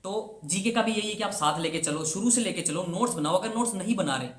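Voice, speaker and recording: A man's voice: high-pitched, fast talker, a bit bright. Earnest young man, roomy echo. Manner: chatty, mixes English words into his speech; earnest, urging and repetitive. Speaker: banking exam coach. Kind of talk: casual motivational talk to camera.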